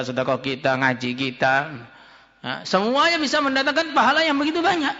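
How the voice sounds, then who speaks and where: A male preacher delivers a lively, story-filled sermon full of acted quotes and humor. His voice is high and bright. A long hall reverb and a dull, lo-fi sound surround him. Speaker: preacher at an Islamic boarding school.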